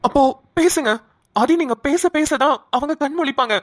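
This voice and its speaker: Woman voicing a calm young doctor. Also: high-pitched, moderate pace, dry recording, studio quality, close to an everyday voice. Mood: reassuring. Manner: soothing, explaining patiently.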